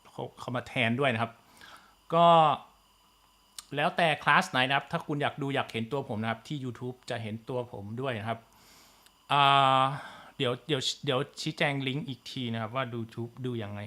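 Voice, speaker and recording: A man's voice: mid-range voice, normal speed, sharp tone. A man with a Thai accent teaching an online physics class, full of fillers and polite particles. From Thailand. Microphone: computer mic in video class.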